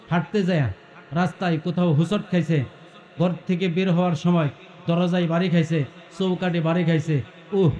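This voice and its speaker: A man's voice: high voice, reverberant. A male preacher telling a story in a sermon, calling out questions to the crowd and breaking into melodic chanting.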